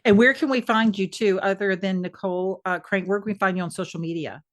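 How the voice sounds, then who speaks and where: A woman's voice: medium pitch, a little fast. A woman hosting a podcast, chatting with a guest and signing off in an upbeat, encouraging way. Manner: upbeat, encouraging, laughs easily. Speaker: podcast host. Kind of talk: casual interview chat and sign-off. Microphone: remote video call.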